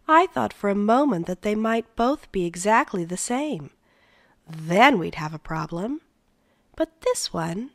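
Woman reader as a kindly male nurturer, cheerful baby-talk coo, unhurried. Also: mid-range voice, lively intonation, fairly bright tone, dry recording, studio quality. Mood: businesslike. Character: gentle male nurturer father talking to newborns.

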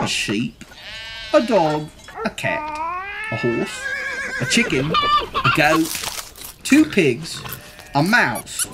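A thirties-aged man, seated on a living room couch, performs a children's book with theatrical flair, jokey delivery and playful asides. The pitch of his voice is fairly high, and there's noise in the background.

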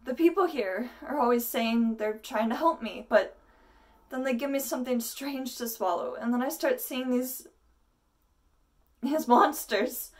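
A young woman playing a paranoid, desperate female asylum inmate in a theatrical monologue, halting, intense and pleading. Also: on the high side, a little mellow, lightly acted. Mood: uneasy, confused. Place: indoors against a plain wall. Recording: voice distant from the mic.

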